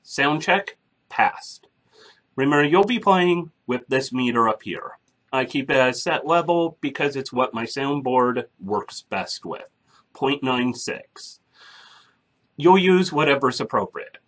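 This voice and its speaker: A man's voice: mid-range voice, expressive, unhurried, a bit bright. A man hosting a casual podcasting tutorial, chatty and blunt as he explains each step, speaking into a mic through a soundboard. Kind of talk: casual screen-recorded tutorial. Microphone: microphone through a soundboard.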